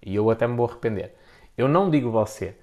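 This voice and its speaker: Fast and animated, a man with a European Portuguese accent delivers informal, opinionated business advice to his audience, blunt and slangy and often repeated for emphasis. His voice is medium-pitched and a little mellow.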